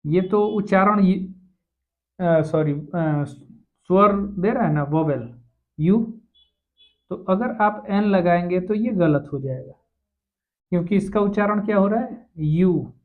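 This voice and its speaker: A man teaching an English grammar lesson, explaining slowly and asking rhetorical questions. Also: high-pitched. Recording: tinny phone-like sound.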